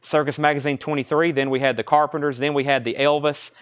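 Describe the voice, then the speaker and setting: A man's voice: fairly high pitch, level tone, fast, clear, resonant tone. Man calling out a live auction sale. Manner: auctioneer-style calling of lots, prices, bids and names. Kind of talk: live sales patter, unscripted.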